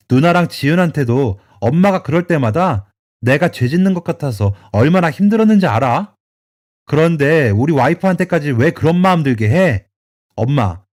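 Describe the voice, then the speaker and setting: A man's voice: mid-range voice, dark tone, natural voice. A man plays a young husband torn between his wife and his mother in a storytelling radio drama. He speaks in a pleading, near-tearful way, slightly raised above a plain voice.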